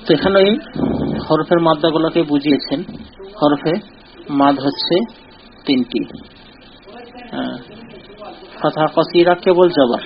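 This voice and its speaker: A man giving a recorded lesson, explaining step by step in a slow, deliberate way and repeating short drilled syllables over and over. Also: fairly high pitch. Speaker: teacher. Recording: dull lo-fi recording.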